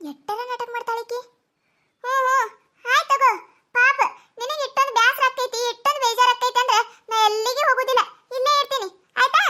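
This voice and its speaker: A woman voicing a sharp-tongued, scolding village mother-in-law in a cartoon comedy, with a North Karnataka accent. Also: very high-pitched, steady tone, fast talker. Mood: sarcastic. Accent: North Karnataka Kannada. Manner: nagging, sarcastic, scolding.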